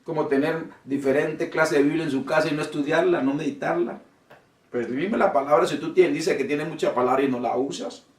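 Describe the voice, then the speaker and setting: A man preaching a sermon and addressing the congregation as brothers and sisters, swinging between emphatic, rising swells and quiet drops. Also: fairly high pitch, brisk, echoey room, far from the mic. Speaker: pastor.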